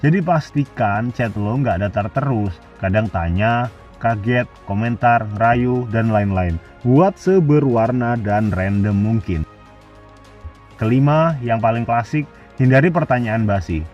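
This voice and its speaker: A man's voice: mid-range voice, expressive, unhurried, recorded from a distance, lo-fi sound, faint music behind. A man giving blunt, casual dating advice as a scripted voice-over. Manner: blunt slangy Jakarta-style casual talk.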